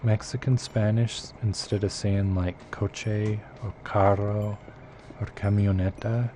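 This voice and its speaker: Slight background noise sits under this man's lowish, dark voice, which is flat and slow. He's live-streaming a game, casually chatting with viewers and rambling through his thoughts with many fillers.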